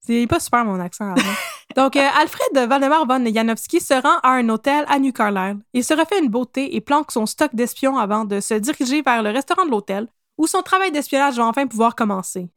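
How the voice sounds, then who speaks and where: Québécoise woman telling history on a podcast, lively and jokey, high voice, dry close sound. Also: brisk, dry recording. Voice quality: animated, jokey, laughs often. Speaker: podcast host, storyteller. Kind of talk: casual history storytelling.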